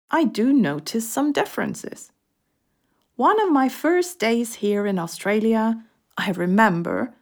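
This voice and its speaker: A woman from the US recounting her surprise with a lively, high-leaning voice. She talks slowly, and her pitch moves widely. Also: full character voice. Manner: lively, storytelling. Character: woman from the US, amazed newcomer. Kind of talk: scripted testimonial for a listening test.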